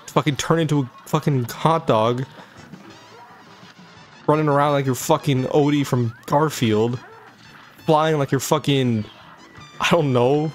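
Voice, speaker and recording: A young man hosting a let's-play channel, swearing constantly and rambling jokes at a game boss as he plays into a desk microphone. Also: on the high side. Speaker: gaming channel host. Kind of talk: profane let's-play commentary.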